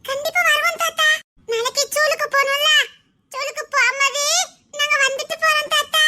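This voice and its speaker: A performer voicing polite little grandchildren through a high pitch effect, with a Tirunelveli accent, calling their grandpa again and again. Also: little pitch movement, fairly quick, bright, forceful tone, dry recording, clean studio sound, exaggerated voice. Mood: sweet. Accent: Tirunelveli Tamil. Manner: polite, sing-song, calling grandpa often.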